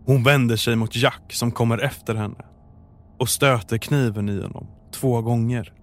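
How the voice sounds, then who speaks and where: Calm man narrating true crime. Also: mid-range voice. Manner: calm, measured storytelling. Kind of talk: scripted narration.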